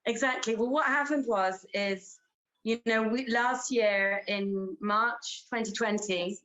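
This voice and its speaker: A woman's voice: a little high, slow pace, fairly bright tone, lo-fi sound. An English-accented woman, a theatre director and actress, chatting in an interview and laughing often. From Britain. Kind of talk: casual interview chat.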